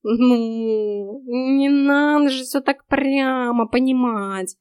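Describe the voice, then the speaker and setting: Audiobook: woman doing a huffy know-it-all tomcat, high, slow drawl, dry sound. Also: darkish tone, dry recording. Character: talking male house cat, grumbling know-it-all mentor. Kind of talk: audiobook character voice.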